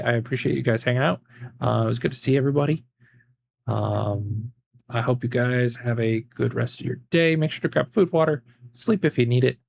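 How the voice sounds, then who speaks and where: A man livestreaming in a relaxed, rambling way, with lots of fillers and a voice that is giving out as he wraps up his stream. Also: medium pitch, creaky. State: losing his voice. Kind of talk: casual stream sign-off chat.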